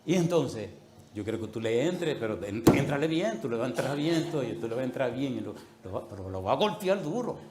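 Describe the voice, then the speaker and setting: A male pastor preaching a sermon, telling an animated story and acting out the voices in it. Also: medium pitch, a little fast, heavy background noise. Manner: animated, acts out voices in anecdotes. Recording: echoey room.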